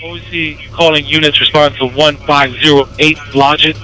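A man's voice: on the high side, level tone, normal speed, bright, forceful tone, low-quality recording. A man working as a fire dispatcher, relaying calls over two-way radio.

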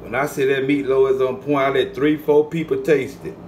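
A Southern U.S. man hosts a cooking channel, narrating a casual vlog from his home kitchen. His voice is medium-pitched at a moderate pace, with a little hiss or hum in the audio. Relaxed and chatty, he talks straight to his viewers and calls them "y'all."

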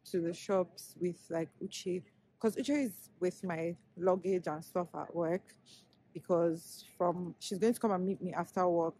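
A woman's voice: fairly low pitch, warm tone. A tired, sleepy woman chatting to camera in a rambling, self-correcting way as a vlogger outdoors in the cold. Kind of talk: casual vlog chat to camera. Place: outdoors in cold city streets. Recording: noisy street recording.

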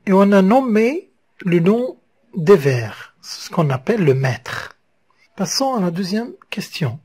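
A teacher, giving a slow, step-by-step French verse lesson and spelling out syllables one by one. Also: mid-range voice, a little mellow, breathy edge.

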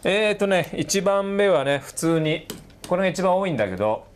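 A middle-aged man giving a casual recorded lecture as a teacher, often checking in with the student and slowly sounding words out again and again. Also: sits high, very animated, slight background noise. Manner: sounds words out slowly, stretching and repeating them. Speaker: English teacher.

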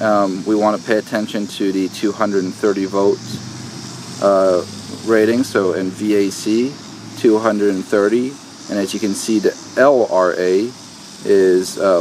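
A man with a fairly low voice walks through a hands-on repair outdoors, pausing often on "uh" and "um" as he works. He talks casually, as if to a viewer beside him. A faint hum of outdoor noise sits under his voice. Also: darkish tone. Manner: hesitant, many "uh" and "um" fillers, explains step by step while working. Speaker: DIY video host. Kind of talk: casual how-to explanation. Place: outdoors at an air conditioner unit.

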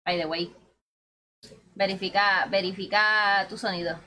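This is casual gaming livestream chat: a woman teasing teammates and viewers, whom she calls "corillo" and "bebesote." She speaks a little slowly in a mid-range, steady, sharp voice, with slight hiss or hum audible.

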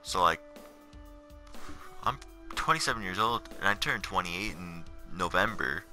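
Up in the middle of the night and worn out, this late-teen gamer, seventeen, gives loose, offhand commentary on his career mode as a voice-over on menu screens. He speaks low and animated at a measured pace, sounding pushed and bright, with music in the background.

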